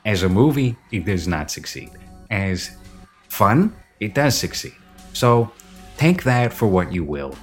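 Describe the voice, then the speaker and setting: A man's voice: on the low side, big pitch swings, a little slow, faint music behind. A man hosting a podcast, rambling and opinionated in casual film review chat, recorded with reverb in an empty basement. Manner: rambling, opinionated, self-correcting. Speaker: podcast host.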